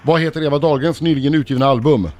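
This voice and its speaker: A man reading quiz questions at a brisk, even pace on a morning radio show. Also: a little high, faint music behind.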